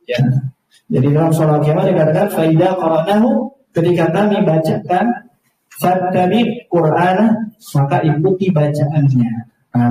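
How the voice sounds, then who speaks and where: A man with a fairly high, mellow voice leads a Quran recitation class, patiently asking questions and sounding out Arabic letters for the students to copy. He is heard from far off in a hall with a strong, booming echo. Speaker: Quran teacher. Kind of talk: Quran recitation lesson to adults. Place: large echoey hall. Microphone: far from the mic. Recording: very echoey, distant hall recording.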